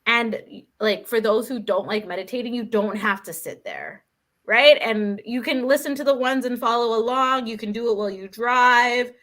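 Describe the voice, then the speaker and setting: Bright, animated woman. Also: fairly high pitch, normal speed. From Canada. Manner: animated, chatty, full of "like" and "right?". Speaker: guest, author. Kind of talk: casual conversational storytelling.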